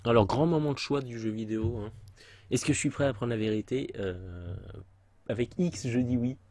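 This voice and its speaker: A man's voice: mid-range voice, normal speed, a little mellow, no echo. A man giving casual let's play commentary with sarcastic, joking asides. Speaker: gamer commentator.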